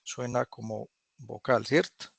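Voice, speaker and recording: A man teaching English in an online class, patiently repeating phrases slowly for students to drill. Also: mid-range voice, creaky, slightly rough, dry recording. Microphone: video call.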